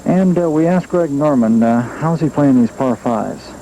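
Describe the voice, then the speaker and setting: A man's voice: medium pitch, animated, a little slow, mellow. A man working as a golf commentator, describing holes and shots in live television coverage. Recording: noisy old outdoor TV broadcast. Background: outdoor ambient noise.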